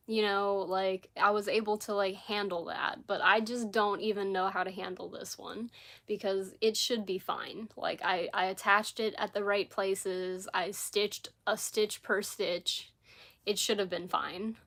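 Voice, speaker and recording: A woman's voice: medium pitch, fairly bright tone. Woman livestreaming from her living room, scratchy voice, rambly and chatty, lots of likes and ums. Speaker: crochet livestreamer. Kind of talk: casual live chat.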